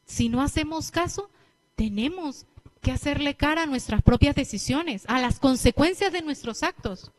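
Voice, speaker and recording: A young woman preacher with a Latin American Spanish accent, giving a lively sermon and acting out what people say. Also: high-pitched, normal speed. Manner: lively storytelling, acting out quotes.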